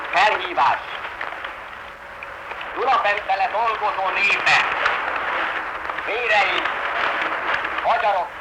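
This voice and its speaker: A man declaims an urgent call to arms over a pirate shortwave radio station, his high voice fighting through thick roaring static and jamming. It comes from an old archive recording of the transmission. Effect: pirate shortwave radio broadcast under heavy jamming. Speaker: rebel radio announcer. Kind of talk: urgent broadcast appeal.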